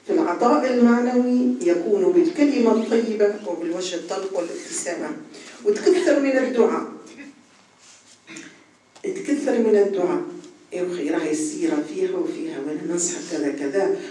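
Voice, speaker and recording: A woman's voice: mid-range voice, mellow. A woman with a Tunisian accent giving an earnest religious lecture on ethics and repeating points for emphasis. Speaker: religious teacher. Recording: echoey hall, far from the mic, faint noise.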